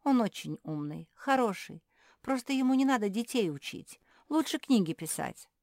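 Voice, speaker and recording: A woman's voice: a little high, expressive, normal speed, creaky, darkish tone, dry recording, clean studio sound, pitched above the performer's own voice. A woman voicing an earnest young schoolboy who patiently explains things to a classmate. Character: eager schoolboy pupil, earnest and kind.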